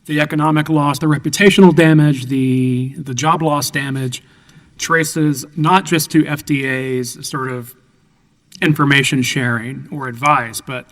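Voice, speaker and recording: Hoarse male judge in an echoing courtroom. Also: mid-range voice, fairly even intonation, fairly bright tone. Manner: measured, methodical questions. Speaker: appellate judge. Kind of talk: questioning counsel at oral argument. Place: appeals courtroom. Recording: long courtroom reverb.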